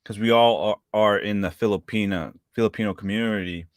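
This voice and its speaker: Man, 30s, very deep voice, dry close sound, rambling casual co-host talk. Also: fairly even intonation, a little fast, no echo. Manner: rambling, hesitant, many fillers. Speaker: live-stream co-host. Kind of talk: casual chat.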